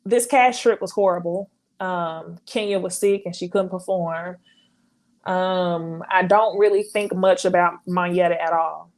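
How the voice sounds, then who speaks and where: Blunt, animated woman ranting about reality TV. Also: fairly low pitch. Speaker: reality TV recap host. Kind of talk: casual live-stream commentary.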